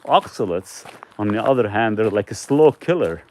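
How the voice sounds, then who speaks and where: A man's voice: lowish voice, animated, moderate pace, darkish tone. A man hosting a casual live stream, answering viewers' questions in a loose, rambling way with frequent restarts.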